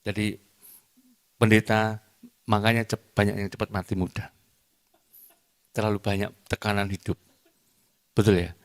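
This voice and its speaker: A middle-aged evangelist preaching a church sermon. He talks emphatically, swings from loud declarations to quiet confiding asides, and jokes with the congregation. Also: fairly low pitch, flat delivery, normal speed, long pauses. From Indonesia. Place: church hall during a service.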